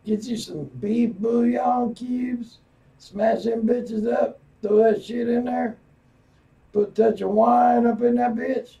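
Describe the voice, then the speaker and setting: A man hosting a solo podcast, talking in a profane, meandering way with loud outbursts, and sounding a little tipsy. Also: very high voice, steady tone, slow pace, vocal fry, dull audio. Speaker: podcast host. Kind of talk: rambling solo podcast talk. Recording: voice a bit far from the mic.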